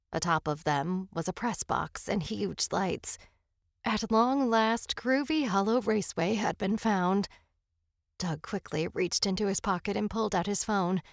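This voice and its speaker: Woman narrator, scripted story reading, gravelly fry, dry close sound. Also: mid-range voice, no room sound.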